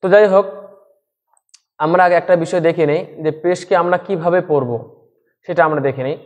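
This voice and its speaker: A man teaching a Quran reading lesson online, explaining step by step and checking in with frequent questions, sounding out syllables slowly. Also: sits high, big-room sound. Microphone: screen-share recording with voice-over.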